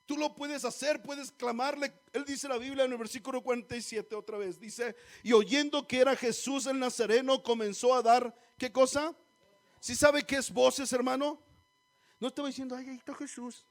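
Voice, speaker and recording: Preaching a church sermon, this man has a very high voice, a steady tone and a moderate pace. He exhorts the congregation, frequently addressing them as "hermanos" and posing rhetorical questions.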